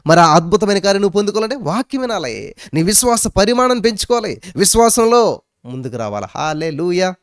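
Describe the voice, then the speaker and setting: This is a studio-quality recording, free of room sound, of a man preaching. The pastor's voice climbs and falls sharply in both pitch and loudness to drive his points home, and English phrases are mixed into his sermon.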